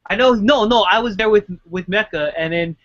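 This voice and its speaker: A man with a high voice talks bluntly and swears freely in a casual chat. The sound is dry and close, with dull lo-fi quality. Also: brisk, a bit bright, no room sound.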